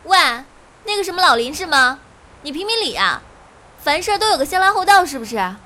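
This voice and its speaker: A woman's voice: extremely high pitch, very animated, a little fast, pushed and bright, heavily acted. A woman playing a dramatic young woman set on jumping, petulant and provoking, in a comic audio drama. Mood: complaining.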